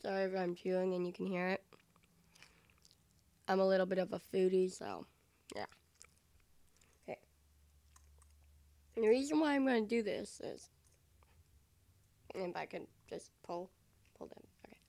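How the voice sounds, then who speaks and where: A woman's voice: medium pitch, measured pace, long pauses, mellow, no room sound. A woman vlogging casually into a microphone, goofy and rambling with frequent self-interrupting asides. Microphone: desk microphone.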